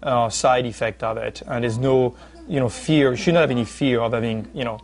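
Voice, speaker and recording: Man doctor, hesitant, lots of fillers, mid pitch. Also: steady tone, a little fast. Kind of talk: explaining a procedure on TV.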